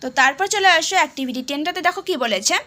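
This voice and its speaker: A woman teacher with a Bengali accent explaining an English lesson, reading English sentences slowly and then explaining them casually. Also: high voice, animated, sharp tone.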